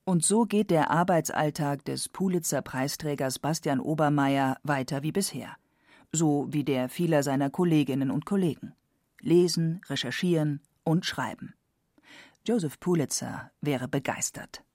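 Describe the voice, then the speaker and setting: A man narrating a radio documentary in a calm, scripted way. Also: on the high side, moderate pace, no room sound, studio quality.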